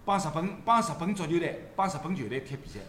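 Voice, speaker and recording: A man's voice: on the high side, quick pace, echoey room, a little hiss or hum. A man with a Shanghainese accent, a sports commentator hosting a casual chat in a restaurant, laughing often as he tells stories. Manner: animated, laughing often, storytelling. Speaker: sports commentator and show host. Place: seafood restaurant.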